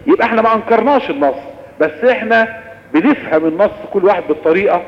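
A man with an Egyptian Arabic accent teaches Islamic law in a lively lecturing manner, his voice set high and his words tumbling out quickly. The recording is muffled and dull, with a long hall reverb trailing each phrase. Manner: lively explanatory lecturing, answering questions. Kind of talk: recorded religious lesson.

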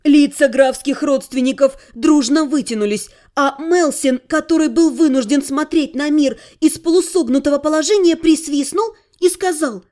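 High-voiced woman narrating an audiobook. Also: moderate pace, few pauses. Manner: expressive, emotional character reading. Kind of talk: first-person audiobook narration.

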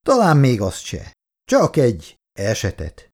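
A man's voice: medium pitch, big pitch swings, a little mellow, pitched above the performer's own voice. A man doing a sneering, smug office clerk. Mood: mocking. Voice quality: mocking, smug.

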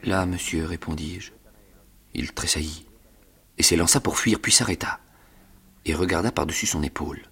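A man giving a measured, expressive reading of a classic novel in the first person. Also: low voice, husky. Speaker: reader. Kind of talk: dramatic literary reading.

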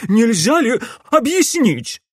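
A man voicing a flustered, evasive male mayor whose voice jumps high in alarm in an audiobook. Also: big pitch swings, takes it slowly, husky, no echo, clean studio sound, exaggerated voice.

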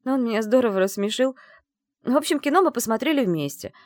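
Whiny, cheeky young heroine, voiced by the narrator; high, animated, protesting. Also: female voice, quick pace, dry recording, clean studio sound, lightly acted. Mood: rambling. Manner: whiny and protesting, squeals, rambling.

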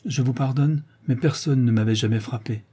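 Man doing a proud young boy, quiet, firm, warm husky tone, storybook. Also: medium pitch, moderate pace, close to an everyday voice. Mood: reproachful, firm.

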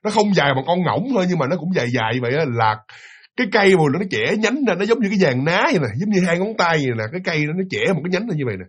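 Southern vietnamese guy telling a spooky story, quick and a bit husky, talks right to the listeners. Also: a little high. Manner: lively, animated, addresses listeners directly. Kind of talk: casual ghost story telling.

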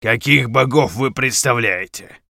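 A man acts out a possessed, demonic winged shaman from a fantasy audiobook. The voice is raised and booming, haughty and menacing, recorded dry and close. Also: measured pace, creaky, bright, forceful tone, dry recording. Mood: imperious. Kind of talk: dramatic audiobook character voice.

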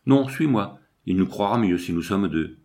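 A bold-talking guard with a southern French accent, as a male narrator puts him on, emphatic and pitched a little high. He is stubborn and sure of himself, in the manner of a storybook. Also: lively intonation, normal speed, darkish tone, close to an everyday voice. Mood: insistent. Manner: insistent, emphatic.

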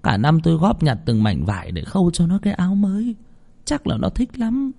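A man voicing a poor village mother who is fretful and shrill, in a spoken horror story. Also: sing-song, fairly quick, gravelly, warm tone, heavily acted. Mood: fond.

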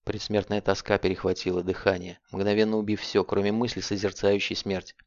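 A man narrating an audiobook in a steady, grave storytelling manner, on a dull lo-fi recording. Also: lowish voice, brisk, gravelly, no echo.

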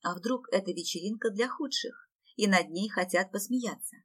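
A woman reading an audiobook aloud in steady, even scripted narration. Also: medium pitch, moderate pace, slightly rough.

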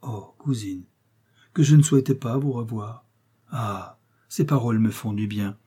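Guy doing a soft pleading young chevalier, mellow husky voice, audiobook. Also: measured pace. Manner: pleading, softer and lower. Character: young lovesick male chevalier, earnest and pleading. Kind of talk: audiobook reading.

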